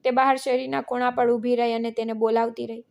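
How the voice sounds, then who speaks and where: A woman narrating a scripted family story in a flat, even reading. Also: a little high, fast, vocal fry, clear, resonant tone, muffled recording.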